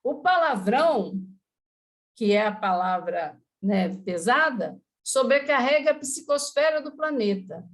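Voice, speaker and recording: A woman's voice: on the high side, animated, measured pace. Chatty woman giving a spiritual talk. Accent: Brazilian Portuguese. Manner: chatty, with frequent asides to the audience. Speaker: spiritist lecturer.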